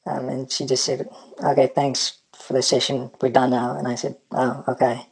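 A man whose voice has been electronically disguised and pitched down to hide his identity. He tells a personal story as an anonymous interviewee, hesitantly, with many ums and restarts. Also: level tone, normal speed, creaky, darkish tone, slightly rough, rough recording.

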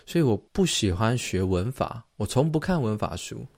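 A man's voice: fairly low pitch, sing-song, moderate pace, gravelly, darkish tone. A young man co-hosting a casual chat show, telling stories animatedly, acting out quoted teachers and laughing often. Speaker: podcast co-host.

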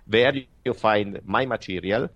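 A man from Italy with an Italian accent, a guest trader answering interview questions haltingly, with many fillers and restarts. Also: fairly low pitch, a bit bright.

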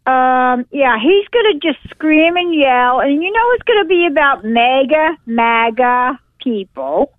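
A woman's voice: sits high, animated, measured pace, few pauses, dry recording. A woman calling in to a radio show over the phone, blunt and fired up, talking over the host in casual call-in chat. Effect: radio show caller on a phone line. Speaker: caller. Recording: tinny phone line.

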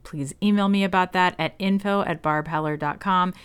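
A woman's voice: on the low side, steady tone, moderate pace, clear, resonant tone. A woman hosting a podcast, gushing and enthusiastic as she introduces and interviews her guest. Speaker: podcast host.

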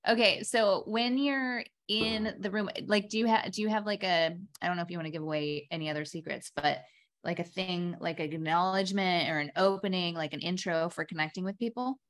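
A woman's voice: on the low side, fairly even intonation, brisk. A woman hosting a podcast, enthusiastic and talking about trust and magic as she draws points from her guest. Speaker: podcast host. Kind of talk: casual interview.

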